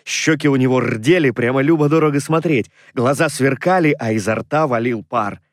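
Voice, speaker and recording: A man reads a classic tale aloud in a measured, expressive storytelling voice. His pitch is middling, and the sound is dry and close, with no room echo. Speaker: audiobook narrator. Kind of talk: scripted literary narration.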